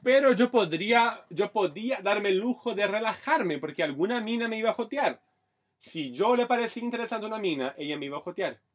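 High-pitched and a little fast, with lively intonation, a man co-hosts a podcast in relaxed conversation. He is in his thirties, from Brazil, speaks Portuguese natively with a Brazilian accent, and tells frank stories sprinkled with Chilean slang.

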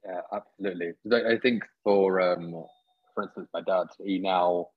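A man with a very deep, husky voice hosts a podcast. He talks in a relaxed, chatty way and often restarts his sentences. The sound is slightly dull and muffled. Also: normal speed. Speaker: podcast host. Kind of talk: casual conversational interview.

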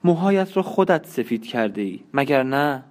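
Man doing a young woman, frightened, bitter, high strained voice, storybook reading. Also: sing-song, darkish tone, close to an everyday voice. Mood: accusing.

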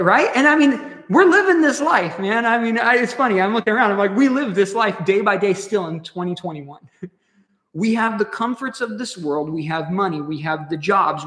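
A man's voice: sits high, a bit bright. A man giving a casual, slangy sermon with a laid-back, laughing manner. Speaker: pastor. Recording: echoey hall with long reverb.

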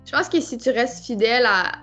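Chatty Québécois woman, slightly high voice. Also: a little fast, faint music behind. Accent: Québécois French. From Quebec. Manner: animated, many restarts and fillers. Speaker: guest novelist. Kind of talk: casual podcast chat.

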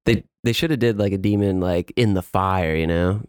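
A man's voice: sits low, normal speed, a little mellow, clean tone, dry recording, clean studio sound. A man co-hosting a podcast, chatting casually and joking, full of "like" and "you know.". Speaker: podcast co-host. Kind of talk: casual chat.

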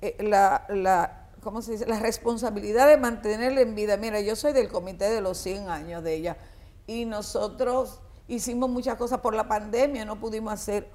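A woman's voice: medium pitch, fairly even intonation, normal speed, darkish tone. An older woman with a Dominican accent, speaking as a guest singer in an interview. She reminisces with a middle-range voice, stumbling over fillers and restarts and often breaking into laughs.

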